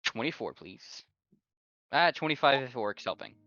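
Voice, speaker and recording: Blunt, bright-voiced man on a dull mic. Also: mid-range voice, lively intonation, normal speed, no room sound, faint music behind. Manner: blunt, matter-of-fact requests. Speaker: tabletop game player. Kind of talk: casual chat at a game table.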